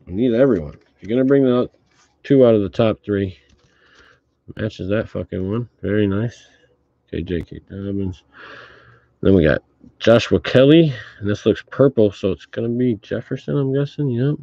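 Low-pitched man talking through a face mask. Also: normal speed, no room sound. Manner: laid-back, swears casually. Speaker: host of a sports card box break. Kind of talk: casual running commentary on card openings. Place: indoor tabletop card-opening setup. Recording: dull, muffled audio with background noise.

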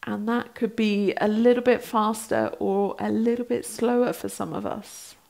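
A woman in her thirties leads a guided breathing exercise as an instructor. Her voice sits at an average pitch. She gives step-by-step directions gently and without hurry, leaving space between phrases. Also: fairly even intonation, vocal fry. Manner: gentle, unhurried guiding with pauses. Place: small bright indoor room, seated on a mat.

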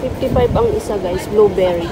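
Walking through a city street market with her phone in hand, a woman narrates a casual tour and keeps chatting to viewers, calling them "guys." Her medium-pitched voice moves at normal speed in a low-quality recording with loud music behind it and heavy traffic and street noise.

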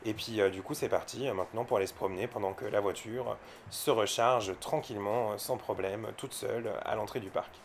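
A French electric car owner vlogs in a casual, unscripted way, explaining things informally with some hesitation. His voice is on the low side with fairly even intonation and a fairly quick pace, over a little hiss or hum.

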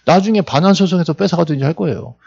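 A man's voice: fairly high pitch, rapid-fire, gravelly, darkish tone, husky, muffled recording. A man teaching real estate law in a classroom lecture. He is jokey and asks the students questions, then answers them himself. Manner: jokey, acts out little scenes.

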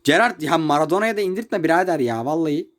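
A high-voiced young man records himself at home while playing a football game on his phone. He rants in exasperation, one moment yelling and the next muttering under his breath, over a close phone mic. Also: animated, fast. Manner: exasperated ranting, swings between shouting and muttering. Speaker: mobile football gamer. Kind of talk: live gameplay commentary. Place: room at home.

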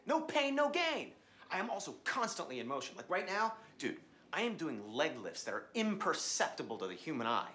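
A vain young sitcom man with a hot temper. His pompous voice is bright and lively and jumps up into shouts. He never stops performing his own importance. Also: on the high side, fairly quick, a little hiss or hum, heavily acted.

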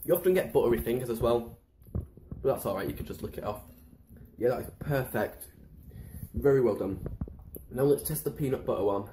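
A man's voice: medium pitch, expressive, a little fast, pauses often, mellow. Chatty guy making toast on camera, rambles a lot, roomy kitchen echo, bit of hiss. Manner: rambling, chatty and self-mocking. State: slightly out of breath. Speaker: vlogger. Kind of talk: casual how-to vlog. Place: home kitchen. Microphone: camera on a tripod.

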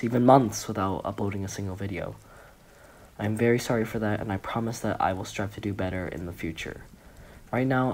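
A man's voice: on the low side, darkish tone, rough recording. A young man making a mock-serious video announcement, speaking with fake earnestness and hesitant fillers. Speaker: YouTuber.

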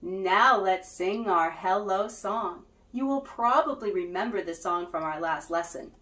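A woman's voice: medium pitch, a little slow, a bit bright. A woman music teacher leading a children's lesson, cheerful and guiding with call-and-response. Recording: roomy echo.

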